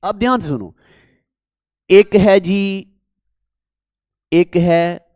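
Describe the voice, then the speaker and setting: A man's voice: high voice, drawn-out words, darkish tone, no echo. A man from Jammu and Kashmir with a Kashmiri accent, teaching a maths lesson and repeatedly quizzing his viewers. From Jammu and Kashmir, India. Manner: repetitive, coaxing, quizzes the viewers. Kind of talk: classroom math lecture.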